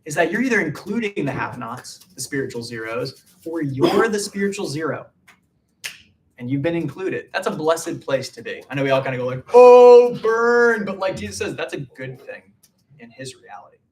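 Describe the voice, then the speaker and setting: A man's voice: mid-range voice, lively intonation, a little fast, recorded from a distance, a little hiss or hum. A man preaching a casual midweek sermon, chatty and full of "like" fillers. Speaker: pastor.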